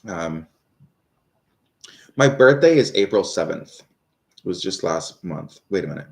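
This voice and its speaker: A man's voice: low voice, expressive, measured pace, creaky. A man in his thirties doing a live tarot reading, rambling and swearing between viewers' questions. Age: 30s. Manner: rambling, swears, many fillers and restarts; talks to viewers, reads out their questions. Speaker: tarot reader.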